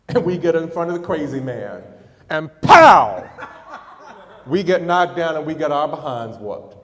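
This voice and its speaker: A middle-aged man who is a pastor, preaching a sermon and telling stories to his congregation. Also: fairly high pitch. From United States. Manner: storytelling preacher, speaks to the congregation with chuckles. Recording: long hall reverb.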